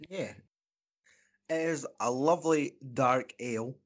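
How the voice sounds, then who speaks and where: A man's voice: medium pitch, a little slow. A man co-hosting a casual beer podcast, bantering in a joking, blunt way. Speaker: podcast co-host. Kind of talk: casual chat.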